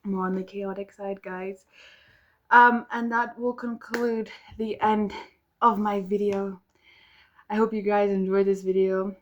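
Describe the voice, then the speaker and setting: In a room at home, with music playing downstairs, a young South African woman who grew up speaking Afrikaans vlogs casually, rambling and restarting with many ums. She speaks at a measured pace in a mid-range voice that barely moves in pitch.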